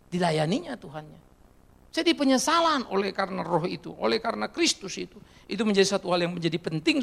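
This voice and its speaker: A middle-aged man preaching a sermon as pastor, animated and folksy, mixing in English phrases and swinging between loud and soft. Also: extremely high pitch, vocal fry, long reverb tail. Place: church.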